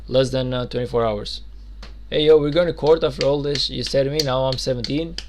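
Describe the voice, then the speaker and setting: A man in his twenties, medium-pitched and speaking fairly quickly, chats loosely while streaming a game. He rambles, fills gaps with lots of fillers, and keeps restarting his sentences.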